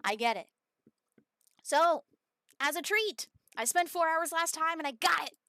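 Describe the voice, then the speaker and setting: Her voice is very high-pitched and her pace measured as she streams a game, rambling casually with plenty of fillers. Every so often she squeals excited hellos to her chat, captured in studio quality with no echo.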